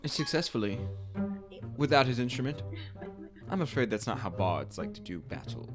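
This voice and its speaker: A man voicing a pompous older male mayor who is a smug villain, talking down to others with slow, gloating words. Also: mid-range voice, very animated, over music. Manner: condescending, drawn-out gloating.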